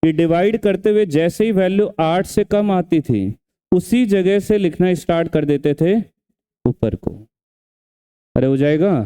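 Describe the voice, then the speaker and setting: High, mellow-voiced male teacher. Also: clean tone. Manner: questioning, scolding, repeats steps. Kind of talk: exam revision lecture.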